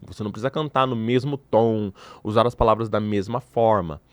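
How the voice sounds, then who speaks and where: A man's voice: fairly low pitch, fairly quick, dry recording. Opinionated Brazilian man, dry close sound. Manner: animated, opinionated, playfully provocative. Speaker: podcast host. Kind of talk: casual commentary to camera.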